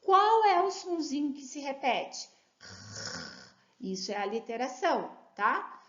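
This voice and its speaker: A woman, a literacy educator giving an animated lesson. She asks the listener questions and slows down to sound words out syllable by syllable. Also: sits high. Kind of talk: instructional talk to teachers and parents. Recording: roomy, slightly muffled recording.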